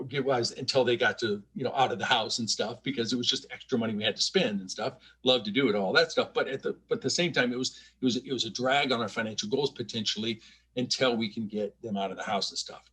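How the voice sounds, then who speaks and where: A man's voice: medium pitch, fairly bright tone, breathy edge. A middle-aged man giving a conversational financial planning presentation, chatty and often repeating small words as he restarts his sentences.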